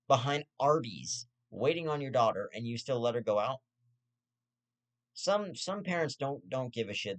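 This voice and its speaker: A young man hosting his own show, ranting in profane, rambling casual commentary with stammered restarts and half-joking asides. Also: medium pitch.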